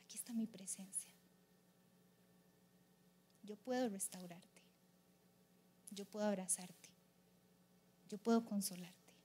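A woman voicing a hushed, tender God. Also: mid-range voice, steady tone, slow, long pauses, a little hiss or hum, pitched below the performer's own voice, natural voice. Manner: hushed, soft and half-whispered. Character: gentle consoling God, male, tender and quiet.

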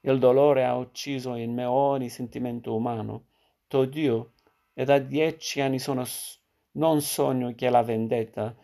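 A man's voice: mid-range voice, fairly even intonation, unhurried, vocal fry, warm tone. A man reading the lines of a bitter, anguished captive man in a story. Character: betrayed, hateful man pleading.

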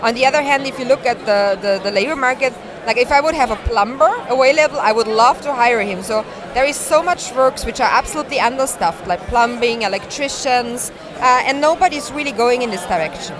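Amid the bustle of a conference hall, a woman born in Austria explains things earnestly in an interview, her phrasing non-native. She's a startup founder appearing as a guest. Her voice runs high, a little fast, with hardly any pauses.

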